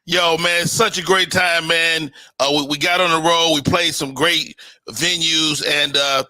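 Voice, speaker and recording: A man hosting a casual live show, chatting informally with upbeat, slangy shout-outs. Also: a little high, steady tone, a little slow. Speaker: show host.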